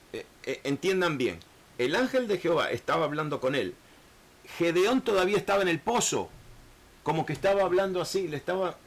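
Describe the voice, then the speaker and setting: A man teaching a Bible lesson in an earnest, halting way, often restarting words and acting out the people in the text. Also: on the high side. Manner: earnest, repetitive, many hesitations and restarts; acts out biblical speakers in shifting voices.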